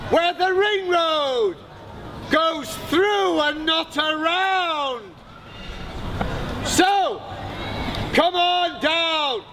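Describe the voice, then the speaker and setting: A man delivering a town crier's proclamation, loud and theatrical, in halting short phrases. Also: extremely high pitch. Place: outdoors in a town. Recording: noisy outdoor recording with crowd.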